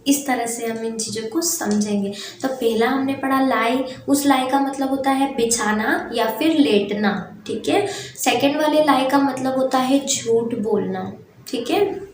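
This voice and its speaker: Young female tutor with a high voice, recorded in an echoey room, patient and repetitive. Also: unhurried, slight background noise. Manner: patient, repeats each meaning, tags lines with "theek hai". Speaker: English teacher on her channel. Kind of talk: casual Hindi lesson on English words.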